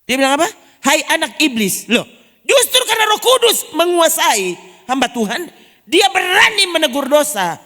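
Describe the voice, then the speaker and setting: A woman's voice: extremely high pitch, sing-song, moderate pace, sharp tone. Woman pastor, emphatic sermon, rhetorical questions, long church reverb.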